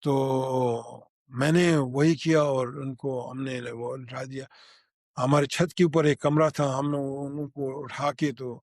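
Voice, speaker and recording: An older man from Pakistan, giving an eyewitness recollection in a halting way, with restarts and fillers. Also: medium pitch, fairly even intonation, a little mellow, dry recording, studio quality. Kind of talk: spoken recollection.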